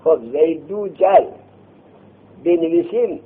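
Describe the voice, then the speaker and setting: A man teaching a grammar class, quizzing his students with quick questions, answering them himself and scolding them to put things away and listen. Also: a little high, husky. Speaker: seminary teacher. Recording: tinny phone-like lo-fi recording.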